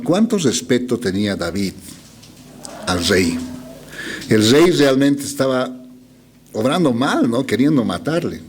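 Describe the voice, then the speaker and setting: A man's voice: mid-range voice, darkish tone, slight background noise. A man preaching a storytelling sermon, retelling scripture and addressing the listeners as brothers. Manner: slow deliberate scripture reading.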